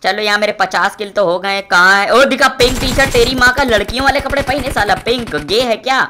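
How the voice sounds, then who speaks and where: A man's voice: high-pitched, fairly quick, noisy background. A young man giving live gameplay commentary, boastful and swearing at opponents while calling out to teammates. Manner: excitable, shouting out calls to teammates. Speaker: gaming streamer.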